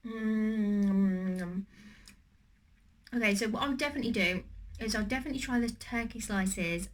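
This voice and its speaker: A young woman with a slight cold chats casually in a cooking and eating vlog, her mid-range voice unhurried and slightly wheezy. She rambles, with lots of ums and restarts.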